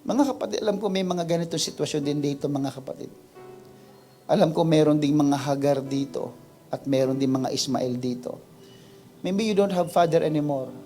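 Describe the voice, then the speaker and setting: A man preaching an emotional sermon in a church, building from quiet reflection to loud, drawn-out cries. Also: a little high, soft background music. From Philippines. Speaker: pastor. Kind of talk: impassioned sermon mixing Tagalog and English. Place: church service before a congregation.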